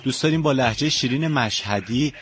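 A man's voice: mid-range voice, slight background noise. A man hosting a radio talk show who speaks politely and courteously, with frequent thanks and praise for his guest. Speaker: radio host.

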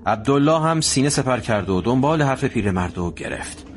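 A man narrating a historical story in a measured, conversational storytelling manner. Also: medium pitch, lively intonation, a little hiss or hum.

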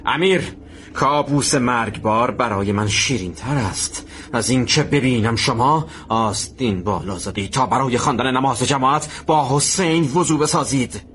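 A man's voice: medium pitch, a bit bright, slight background noise, pitched above the performer's own voice, natural voice. A man voicing a hot-headed young male soldier who speaks in a tense, heated way. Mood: impatient.

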